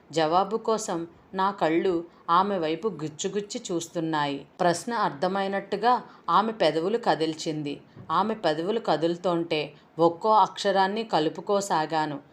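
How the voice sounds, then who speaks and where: Woman with a low voice reading a novel. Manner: measured, emotive storytelling. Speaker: audiobook narrator.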